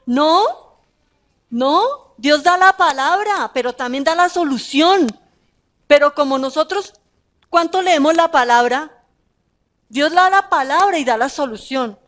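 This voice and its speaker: A woman preaching a sermon, talking in an animated way with rhetorical questions and emphatic repeats. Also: high-pitched, a little slow, long pauses.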